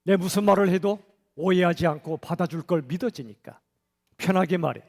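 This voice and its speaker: Male pastor, middle-aged, high voice, conversational sermon, church hall echo. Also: moderate pace, a little mellow. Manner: conversational, asks the congregation questions. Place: church sanctuary.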